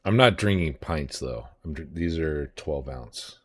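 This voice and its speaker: A man's voice: a bass voice, lively intonation, a little slow, faint music behind. A man hosting a show, chatting casually in a rambling, hesitant way with many fillers while drinking beer. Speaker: host. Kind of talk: casual chat.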